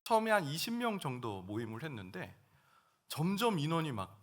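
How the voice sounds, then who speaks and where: A middle-aged male pastor preaching a sermon, telling a personal story and swinging between hushed and loud moments. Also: a little high, wildly swooping pitch, a little fast. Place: church sanctuary.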